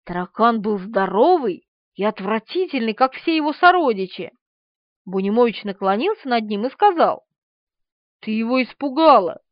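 A woman reads a novel aloud with an expressive, animated delivery. Her voice sits high and swings widely. The recording is dry and slightly muffled. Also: normal speed, no echo. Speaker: audiobook narrator. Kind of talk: expressive audiobook narration.

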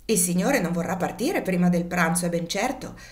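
A woman voicing a cunning young male servant in a storybook reading, mock-humble and gleeful, raising her voice high for him. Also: expressive, normal speed, natural voice. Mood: pleading.

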